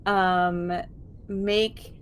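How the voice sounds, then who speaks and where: A woman's voice: medium pitch, little pitch movement, very slow, clear, resonant tone. A woman running a tabletop game as game master, describing scenes loosely with many fillers.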